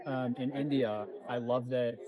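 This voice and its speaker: A man's voice: mid-range voice, fairly even intonation, a little slow, lo-fi sound. A friendly, easygoing man asking questions in a casual street interview, full of likes. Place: outdoors on a busy city street. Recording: crowded street noise behind. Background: crowd chatter.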